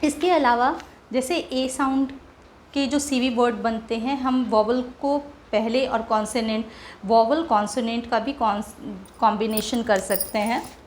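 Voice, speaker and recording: A woman with a fairly high voice gives a phonics lesson. She talks very slowly and sounds out each letter separately before blending them. Her manner is patient and explanatory. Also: steady tone, a little hiss or hum. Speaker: phonics teacher.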